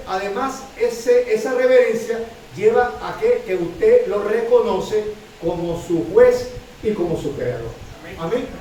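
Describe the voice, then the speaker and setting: A man's voice: sits high, mellow, slight background noise. A middle-aged man with a Chilean accent preaching a sermon to his congregation, repeating words, restarting often and checking in with "¿sí?". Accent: Chilean Spanish. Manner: repetitive, stammering restarts, frequent "¿sí?" to congregation. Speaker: pastor. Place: church hall. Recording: very echoey hall from far off.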